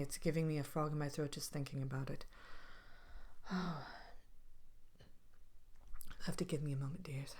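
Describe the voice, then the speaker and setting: A woman voicing a haughty, vain evil fairy-tale queen in an ASMR role-play, soft-spoken and partly whispered, pompous and languidly disdainful. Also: low voice, natural voice. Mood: scornful. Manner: pompous, languid, theatrical disdain with drawn-out words. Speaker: host of a character Q&A show. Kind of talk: ASMR character role-play, answering questions.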